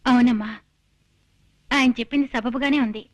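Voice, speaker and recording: A woman's voice: fairly high pitch, steady tone, moderate pace, dull audio, lightly acted. A young woman playing the hero's sweetheart, speaking earnestly and imploringly. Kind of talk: film dialogue. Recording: film audio with music score. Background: film music.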